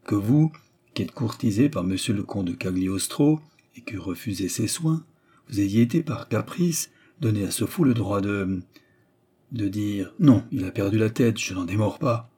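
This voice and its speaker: In a lowish, dark voice with a breathy edge, a man reads at normal speed with lively intonation. His character is a middle-aged noblewoman adventuress, scheming and persuasive, frightening a young companion through pretended sweetness. Menace and persuasion drive it, delivered insistently and menacingly.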